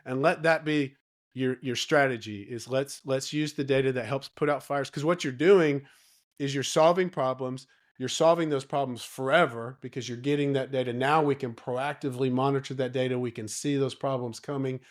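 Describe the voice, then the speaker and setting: A man from Alabama with a soft Southern drawl, getting over a cold, explains things like a coach in an interview, emphatic and encouraging, repeating key phrases. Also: medium pitch, fairly even intonation, normal speed. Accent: Southern Alabama, United States. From Alabama, United States. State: recovering from a cold. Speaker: data coach and interview guest.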